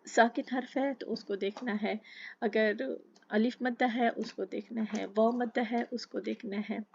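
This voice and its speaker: A woman teaching tajweed, patiently explaining each letter and then slowly chanting the verse. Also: on the high side, fairly even intonation, creaky, darkish tone, highs cut off, slight background noise. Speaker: Quran recitation teacher. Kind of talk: slow tajweed lesson with recited examples.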